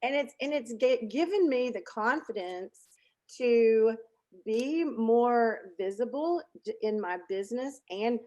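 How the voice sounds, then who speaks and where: A woman's voice: on the high side, lively intonation, slow pace, mellow, lo-fi sound. An American woman guest talking casually about her business, chatty and self-deprecating, with many fillers and restarts. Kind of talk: casual interview chat.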